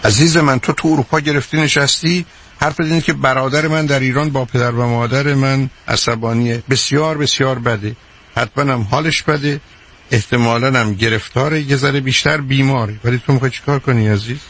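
A man's voice: mid-range voice, steady tone, fairly bright tone. A middle-aged man hosting a radio call-in advice show, answering a caller bluntly with sarcasm and teasing.

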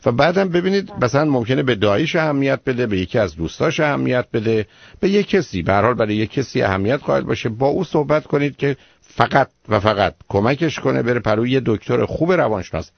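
A man's voice: mid-range voice, animated, creaky, dry recording, lo-fi sound. A man hosting a radio call-in show as the advising doctor. He lectures the caller bluntly and keeps firing rhetorical questions.

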